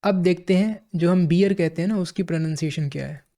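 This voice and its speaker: A man with an Indian accent teaching English vocabulary in a classroom-style lesson, explaining slowly and repeating phrases as he checks in with listeners. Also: high-pitched, dark tone.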